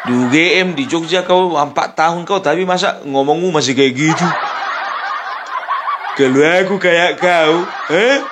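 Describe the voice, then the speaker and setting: A man from Sumatra with a fairly high, unhurried voice hosts a casual political commentary monologue. He mocks freely, laughs often, and talks straight to his viewers, all over a noisy background.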